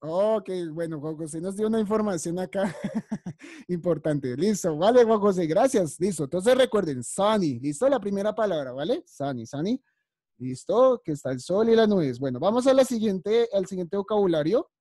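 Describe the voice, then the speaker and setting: A woman's voice: mid-range voice, animated, moderate pace, warm tone, no room sound, clean studio sound. A woman teaching young children English vocabulary on a video call, patient and encouraging as she calls on each child by name. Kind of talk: online class teaching vocabulary.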